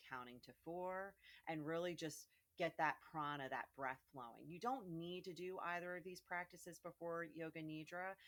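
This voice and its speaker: A young woman with a low, grounded voice, speaking as a yoga teacher in a relaxed, casual way. She talks gently and unhurriedly, with frequent ums and endings that soften and trail away. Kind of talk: casual spoken introduction to a guided meditation.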